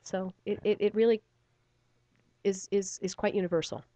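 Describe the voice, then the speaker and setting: Her pitch is medium and her intonation fairly even, moving at a moderate pace with a dark tone and no echo. She's a middle-aged woman, a stage actor in a theater company, chatting animatedly in a casual radio interview with frequent laughs and lots of fillers.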